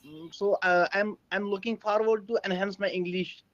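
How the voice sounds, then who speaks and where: A man's voice: high-pitched, fairly even intonation, dry recording, muffled recording. A young man from Kashmir with a Kashmiri Indian accent, speaking hesitantly in an English practice conversation. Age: young adult. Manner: hesitant, halting. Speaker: English learner.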